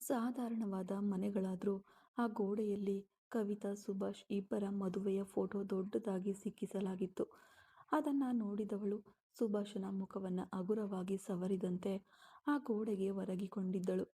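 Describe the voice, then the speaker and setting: Husky, mellow woman storyteller. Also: mid-range voice, fairly even intonation, measured pace. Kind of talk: scripted story narration.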